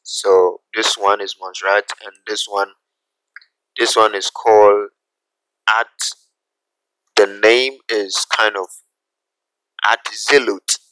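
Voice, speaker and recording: Guy walking thru a design tutorial, slow and chill, smooth clear voice, keeps saying okay. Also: on the low side, fairly even intonation, sharp tone, dry recording, rough recording. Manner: unhurried, repeats steps, asks "okay?" often. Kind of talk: screen-recorded software tutorial.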